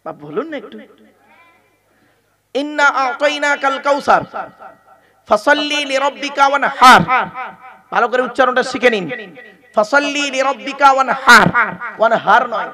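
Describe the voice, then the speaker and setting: High-voiced male preacher before a crowd. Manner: teasing, drills pronunciation, asks the crowd questions. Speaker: Islamic preacher. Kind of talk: Bengali waz sermon to a crowd. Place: large gathering with a crowd. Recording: crowd noise from a live gathering.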